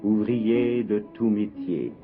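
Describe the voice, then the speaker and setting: A man giving solemn, measured, poetic scripted documentary narration, heard as a 1950s TV broadcast. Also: lowish voice. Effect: 1950s TV broadcast sound. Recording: dull lo-fi 1958 archive with music. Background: plucked guitar music.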